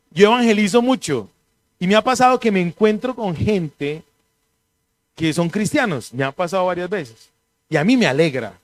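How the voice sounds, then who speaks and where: Pastor guy, high voice, chatty joking sermon. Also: unhurried, pauses often. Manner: animated, joking storyteller. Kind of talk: conversational sermon.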